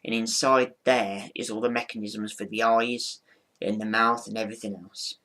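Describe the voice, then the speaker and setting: A man's voice: lowish voice, flat delivery, moderate pace, bright, forceful tone. A man giving an informal hands-on explanation in a rambling, matter-of-fact way, often repeating himself. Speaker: ventriloquist presenting his figure.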